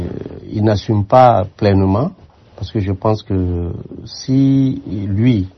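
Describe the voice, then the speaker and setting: In a radio interview, an older former military aide from Burkina Faso answers questions in a measured, reflective way, hesitating often. His voice is lowish, and the recording sounds muffled and lo-fi.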